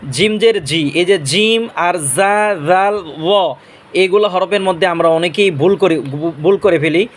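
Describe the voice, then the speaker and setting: A man with a rather high voice, a native Bengali speaker, teaches Quran pronunciation. He sounds out Arabic letters slowly, one at a time, and then explains each in plain, patient speech. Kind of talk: slow letter-by-letter pronunciation lesson.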